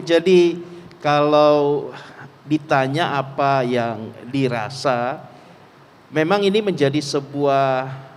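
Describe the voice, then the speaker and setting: In a reverberant hall with faint noise behind him, a man speaks through a face mask. He is a pastor answering in a hesitant, conversational way. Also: a little high. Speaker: pastor, panel guest.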